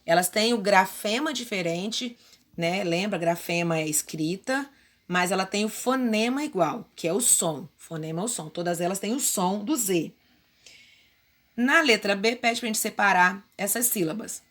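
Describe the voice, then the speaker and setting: A Brazilian primary school teacher works patiently through workbook exercises in a remote lesson, explaining each step and using diminutives. Her voice is mid-range and fairly bright, at a moderate pace.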